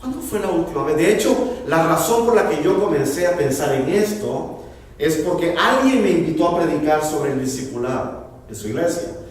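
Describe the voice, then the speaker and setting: A male pastor delivers an animated sermon, slipping into the voices of the people he quotes. His pitch sits a little high and leaps around. He is heard from some way off in a big echoing hall. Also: moderate pace. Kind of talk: bilingual sermon. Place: church hall. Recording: echoey hall from far off, faint ambience.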